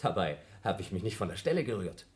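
An actor in a radio play playing a paranoid scientist who coldly accuses his crewmate and then rises to shouts. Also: sits low, big pitch swings, quick pace, a little hiss or hum. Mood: heated agitated. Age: younger than Mills. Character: Blob, paranoid scientist man feuding with crewmate. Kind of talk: German radio play acting.

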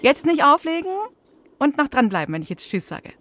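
A woman presenting a children's radio show in a chatty, playful, expressive storytelling style, speaking straight to the listeners. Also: sits high, fairly quick, slight background noise. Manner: expressive, addresses young listeners directly. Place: radio studio.

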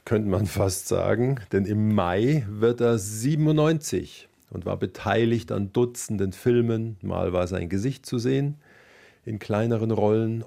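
A man's voice: on the low side, gravelly, mellow. A man hosting a radio interview, asking polished questions and reading scripted links from a studio.

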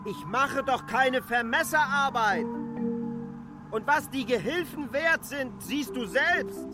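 An insistent land surveyor. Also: male voice, extremely high pitch, slow, music in the background. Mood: ironic. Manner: insistent, exasperated, reproachful. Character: K., stubborn demanding adult land surveyor. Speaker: lead character in a radio play. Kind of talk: radio drama acting.

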